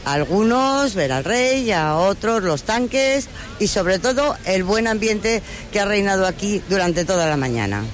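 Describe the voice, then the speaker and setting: A woman's voice: medium pitch, animated, a little slow. Woman reporting from the street. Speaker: field reporter. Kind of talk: on-location news report. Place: outdoors at a crowded street parade. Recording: outdoor street noise behind.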